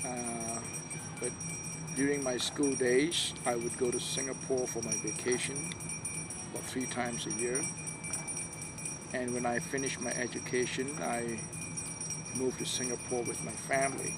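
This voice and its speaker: A man from Malaysia, an interview guest, telling his story earnestly with many pauses. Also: medium pitch, little pitch movement. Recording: loud background noise outdoors.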